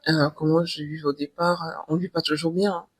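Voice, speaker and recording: A woman from Cameroon, a guest author, telling her story in a relaxed interview, animated and repeating words as she searches for them. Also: low voice, fairly quick, no room sound. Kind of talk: casual conversational interview.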